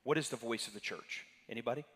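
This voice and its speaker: A man's voice: mid-range voice, fast talker, sharp tone. A man pastor leading an interactive Sunday class, talking conversationally and calling on members of the congregation by name. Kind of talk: interactive church teaching. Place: church sanctuary. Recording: reverberant sanctuary hall.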